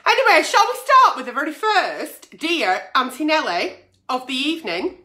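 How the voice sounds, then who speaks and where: A woman with a high, bright voice that swings about in pitch. Her words are slightly slack from missing dentures. She talks bluntly and bawdily, like a chatty late-night agony aunt on a livestream. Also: big pitch swings, moderate pace. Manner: bawdy, blunt, sweary. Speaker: online agony aunt show host, pantomime performer.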